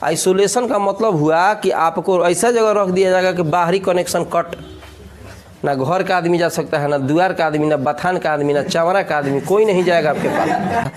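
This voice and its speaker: A man's voice: sits high, normal speed. A man with a Bihari accent teaching physics in a classroom lecture, joking and often repeating questions to the class.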